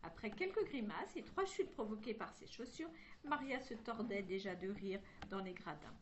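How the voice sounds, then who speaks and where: Using an expressive, mid-range voice, a woman reads a children's novel chapter at normal speed, voicing each character in turn. She keeps the same voice for all of them and occasionally slips and restarts. There is slight background noise.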